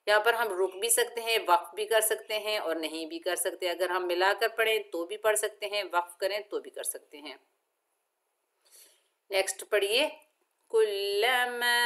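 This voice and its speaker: A woman teaching Quran recitation with tajweed, patiently explaining each letter and then chanting each word slowly and drawn out. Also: mid-range voice, a bit bright. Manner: patient, methodical instruction. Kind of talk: slow step-by-step recitation lesson.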